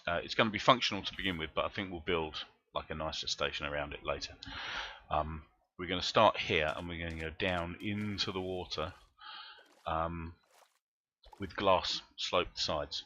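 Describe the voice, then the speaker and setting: Man, very low voice with a bright, forward edge; streamer talking through his gameplay, meandering and thinking out loud. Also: fairly even intonation, normal speed, lo-fi sound. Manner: rambling, thinking aloud while playing. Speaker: game streamer. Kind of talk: live gameplay commentary.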